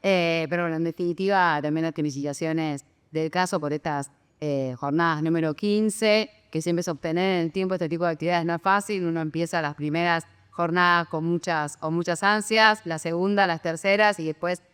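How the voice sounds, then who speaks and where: A woman speaks as a law professor on a conference panel, in a measured way. Her voice is smooth and fairly low. A long reverb from the hall surrounds her words. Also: fairly even intonation, fairly bright tone. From Argentina. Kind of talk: panel remarks.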